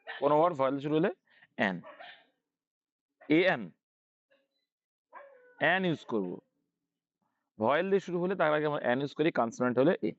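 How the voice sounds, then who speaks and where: Animated and fairly quick, with frequent pauses, a fairly high-pitched male English teacher with a Bangladeshi Bengali accent raises his voice in an online grammar lesson. He answers his own questions and repeats key ideas. The dull, dry recording has no room sound.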